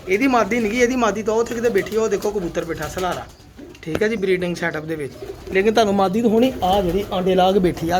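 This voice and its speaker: A man's voice: sits high, noisy background. A man hosts a chatty walkthrough of his pigeon loft, showing off his birds and blessing them often, with pigeons cooing behind him. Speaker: pigeon keeper and channel host.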